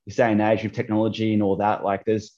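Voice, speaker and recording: A man's voice: fairly low pitch, monotone, fast talker, darkish tone, lo-fi sound, slight background noise. An Australian man in his thirties, a podcast guest chatting casually over a call, full of ums and restarts. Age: 30s. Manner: hesitant, many fillers and restarts. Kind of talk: casual chat.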